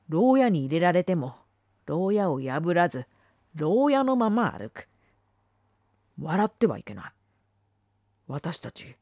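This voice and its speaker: Slow, lively-voiced woman reading literature. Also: mid-range voice, dry recording, clean studio sound. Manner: dramatic, swings between firm declarations and hushed whispers. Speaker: reader.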